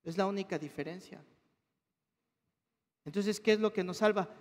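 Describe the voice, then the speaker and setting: A man's voice: high voice, normal speed. A man preaching a sermon as a pastor, asking the congregation questions as he goes. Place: church hall. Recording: reverberant church hall.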